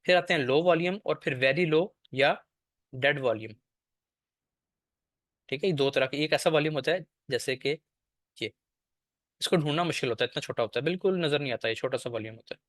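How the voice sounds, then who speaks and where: A man's voice: fairly high pitch, a little fast, long pauses, a bit bright, no echo, clean studio sound. Man teaching trading in speech. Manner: explanatory, checks in with "ठीक है?" often. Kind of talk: screen-share lesson.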